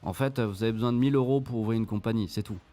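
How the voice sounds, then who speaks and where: A man's voice: mid-range voice, very fast, dark tone. A man hosting his channel, giving mocking, sarcastic screen-share commentary, swearing casually as he talks viewers through the material. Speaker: channel host reviewing an investment scheme.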